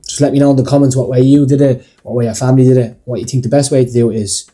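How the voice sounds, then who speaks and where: A young man with an Irish accent and a very dark, mellow tone talks through a home cooking recipe. His delivery is casual and chatty, with blunt, slangy asides, at a middling pitch. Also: steady tone, rapid-fire. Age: young adult. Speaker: cooking channel host. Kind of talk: scripted cooking voice-over.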